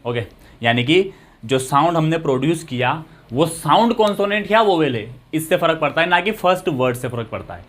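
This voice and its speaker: A man's voice: a little high, expressive, a little fast, fairly bright tone. A man teaching English grammar, patiently explaining and asking and answering his own questions. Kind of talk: explanatory lesson.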